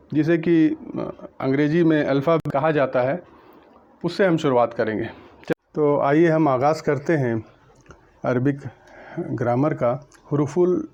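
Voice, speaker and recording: A man giving a lecture on Arabic letters, pausing often with fillers and reciting letters slowly. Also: a little high, darkish tone, dull audio. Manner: many hesitation fillers, mixes English terms. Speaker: Arabic grammar teacher.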